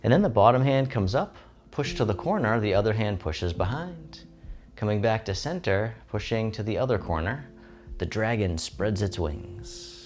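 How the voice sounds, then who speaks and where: Calm low voiced guy doing serene tai chi cues, gentle short phrases, music playing behind him. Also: normal speed. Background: instrumental music.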